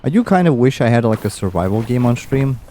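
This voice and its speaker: A man's voice: medium pitch, very animated, fast, dark tone, slight background noise. A young man streaming a game, rambling and musing aloud with easy chuckles as he plays. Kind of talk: casual gameplay commentary.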